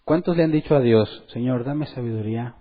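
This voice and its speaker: A man preaching a sermon in church, lively, and acting out the voices of the people he quotes. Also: medium pitch, fairly quick, narrow, tinny audio. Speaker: pastor.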